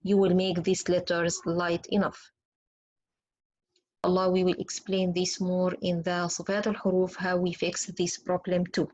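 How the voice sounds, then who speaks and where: A woman's voice: on the low side, flat delivery, unhurried, darkish tone, highs cut off. Woman teacher demonstrating Arabic letter sounds. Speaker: Quran recitation teacher. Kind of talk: online lesson.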